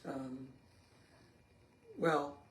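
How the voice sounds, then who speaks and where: A man leading a casual Bible study discussion, speaking slowly and haltingly with many pauses and fillers. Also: mid-range voice, steady tone. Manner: slow and halting, many ums. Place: church room. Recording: echoey room with faint noise.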